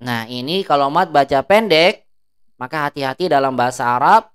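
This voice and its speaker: A woman teaching an Arabic class. She drills words slowly, stretching the long vowels, and asks the class check questions. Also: deep voice, expressive, clear, resonant tone.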